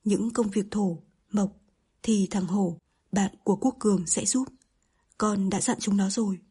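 A gentle, sorrowful young daughter speaking softly, as a woman narrator reads her. The voice is mellow and very breathy. It has a storybook feel. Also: medium pitch, fairly even intonation, a little slow. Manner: soft, gentle.

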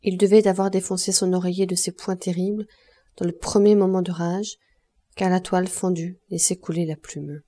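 A woman reading a classic novel aloud as an audiobook narrator, measured and expressive. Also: lowish voice. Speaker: audiobook reader.

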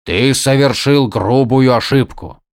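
A man voicing a stern, weary older male highlord who speaks firmly and scolds emphatically, in an audiobook. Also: a little slow, no echo, clean studio sound, close to an everyday voice. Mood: scolding. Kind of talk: audiobook character voice.

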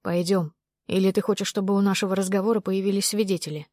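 A guarded, pleading young man, as a woman reader puts him on, speaking low and short. The sound is dry and close. His pitch sits in a plain middle range. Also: steady tone, quick pace, dry recording, lightly acted. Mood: urging. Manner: low, quiet, clipped lines. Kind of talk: audiobook character voice.

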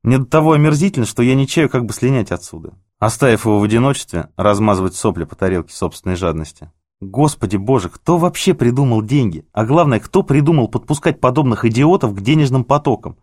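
A man narrates a novel in the first person at a brisk clip. His voice sits at an ordinary middle pitch, and his tone is dry and cynical. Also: lively intonation, a little mellow. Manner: cynical, sardonic delivery. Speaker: audiobook narrator.

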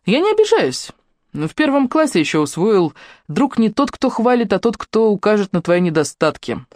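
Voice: mid-range voice, sing-song, normal speed, darkish tone, no echo, voice pushed up, natural voice. Narrator doing a resigned, self-mocking man, dry close read. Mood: wry. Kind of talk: audiobook reading.

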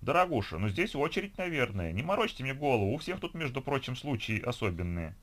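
A man doing a husky stern female clerk. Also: big pitch swings, quick pace, a bit bright. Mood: weary scolding. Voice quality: husky low voice. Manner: stern, bureaucratic.

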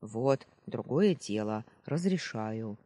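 A cranky young sentry snaps orders in a husky, dark voice, as a man reads him. His lines rise and fall sharply and come slowly and loudly, like a strict soldier scolding children. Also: medium pitch, big pitch swings. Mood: grumpy, pedantic. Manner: barking military orders. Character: stern young male sentry, irritable, bossy.

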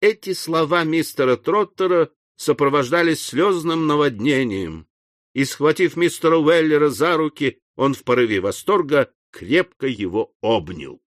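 Lively male audiobook narrator. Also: fairly high pitch, moderate pace, no echo, clean studio sound. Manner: lively, dramatic reading.

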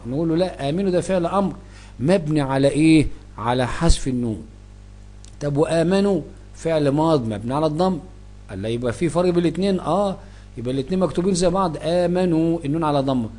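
Speaking with an Egyptian accent, a man teaches Arabic grammar through Quran verses, posing questions to himself and answering them. His voice sits on the high side and sounds mellow.

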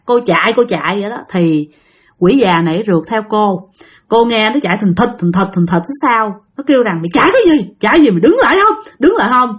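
A woman's voice: fairly high pitch, fairly bright tone. A woman telling a ghost story in a chatty, dramatic way, talking straight to her listeners.

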